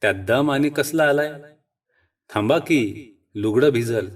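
A man's voice: medium pitch, a little slow, distant mic, voice pushed up, lightly acted. A man doing a brash rustic village lad. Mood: brash coaxing. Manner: brash, teasing, coaxing.

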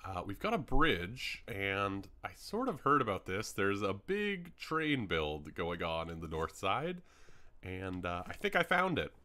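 A young man talks his way through a game world in loose, rambling commentary, dropping ums as he goes. His voice sits a bit low yet swings up and down with plenty of life, and his tone is bright. He sounds a little worn, as though his voice is starting to give out. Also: huge pitch swings, measured pace. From Canada. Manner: rambling, chatty, many ums. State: hiccups, voice starting to go. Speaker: gaming YouTuber. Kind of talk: casual gameplay commentary.

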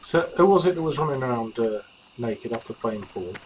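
A man streaming his first time in a game, chatting casually and often muttering quietly to himself. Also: medium pitch, animated, brisk, slight background noise. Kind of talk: casual chat while gaming.

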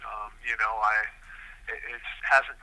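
A man speaking earnestly over a prison payphone call, measured and deliberate, with frequent hesitations. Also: lowish voice, fairly even intonation, pushed and bright, rough recording. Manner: measured, deliberate, many fillers. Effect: prison payphone call line. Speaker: incarcerated man interviewed by phone. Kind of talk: earnest interview answers.

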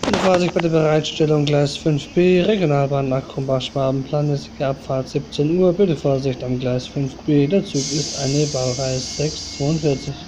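A man giving train commentary in the flat, formulaic manner of a platform announcement, outdoors at a station. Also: fairly high pitch, moderate pace, hardly any pauses. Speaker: train-spotting video maker and commentator. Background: loud ambience and vehicle noise.

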